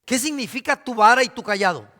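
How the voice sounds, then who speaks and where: A man's voice: very high-pitched, expressive, fast talker, bright, forceful tone. A man preaching a sermon as pastor, asking his congregation questions. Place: church. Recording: reverberant church hall.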